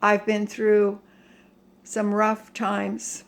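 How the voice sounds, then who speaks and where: An older American woman giving a casual rant to viewers in a halting, emphatic, plain-spoken way. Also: mid-range voice, monotone, vocal fry. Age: older, 60s or above. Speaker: home vlogger. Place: home kitchen.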